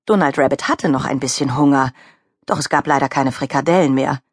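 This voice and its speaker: A woman reading a children's story as the narrator, with lively, expressive storytelling on a close studio mic. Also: extremely low pitch, a little fast, slightly rough, no room sound. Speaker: audiobook narrator.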